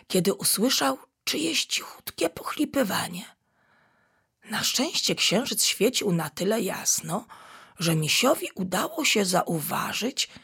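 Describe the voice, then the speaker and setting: A woman reading a bedtime story in a hushed, slow, soothing whisper. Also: fairly low pitch, creaky, slightly rough.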